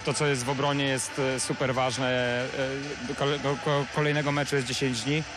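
Flat-voiced basketball player, hesitant. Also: male voice, medium pitch, moderate pace, noisy background. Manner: hesitant, many filler sounds. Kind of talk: post-match interview. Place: courtside interview wall in an arena. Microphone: handheld reporter mic.

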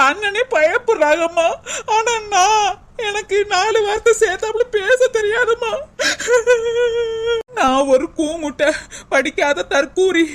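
A woman's voice: high-pitched, a bit bright. A woman voicing a young village wife in a cartoon, who cries and pleads with her mother. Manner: tearful, pleading. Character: young married village daughter, uneducated and self-doubting. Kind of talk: cartoon voice acting.

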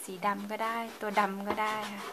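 Mother type, patient and prompting, slightly rough voice over a noisy home recording. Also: medium pitch, monotone, fairly quick. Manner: patient, prompting and correcting gently. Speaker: parent teaching her child to read. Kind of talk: casual home reading lesson. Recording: loud background noise.

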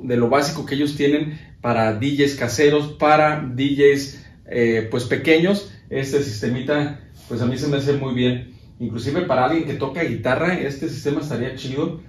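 A man with a Mexican Spanish accent giving a casual, chatty walkthrough of sound equipment, with many fillers and restarts as he handles the gear. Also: mid-range voice. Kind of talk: casual product show-and-tell.

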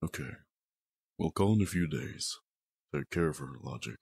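Brief: a deep, gravelly, husky-voiced brother, earnest and placating, in a dry audio drama. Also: male voice, expressive, moderate pace, a little mellow, dry recording, full character voice. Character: Khan, a remorseful man, brother of Logic.

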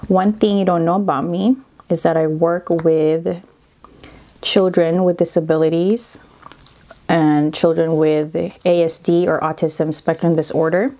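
A woman's voice: fairly low pitch, dark tone. A woman vlogging while eating on camera, getting over a cold, chatting casually between bites and murmuring at the food. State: recovering from a cold, slightly congested. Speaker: mukbang YouTuber.

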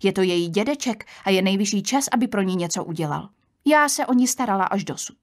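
A woman reading an audiobook, voicing a curt, hurried young aunt who brushes off questions. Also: medium pitch, expressive, close to an everyday voice. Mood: curt, impatient. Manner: brusque, dismissive. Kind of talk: audiobook character voice.

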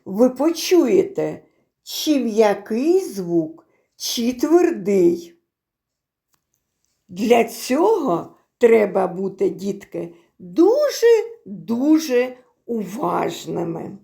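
A woman's voice: fairly high pitch, very animated, drawn-out words, gravelly, warm tone. A woman teaching preschool children a phonics lesson, speaking in an exaggerated sing-song way.

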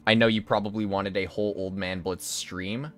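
A man's voice: lowish voice, fairly even intonation, normal speed, a bit bright, soft background music. A male game streamer chatting casually on a live stream, his voice strained and tired, laughing and answering chat in slangy talk.

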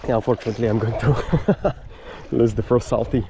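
A chatty man with a medium-pitched, fairly quick voice talks to himself while fishing off coastal rocks by the sea, chuckling between remarks in a casual outdoor vlog. He's an angler and vlogger recording on an action camera, chest-mounted and handheld, with wind and water noise around him.

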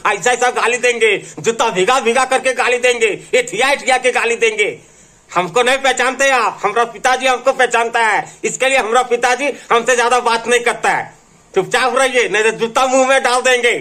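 A man's voice: very high-pitched, moderate pace, sharp tone. A man with a Bundeli accent playing a cheeky son who talks back and trades insults in a comedy sketch. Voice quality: cheeky, argumentative back-talk. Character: cheeky mouthy young son.

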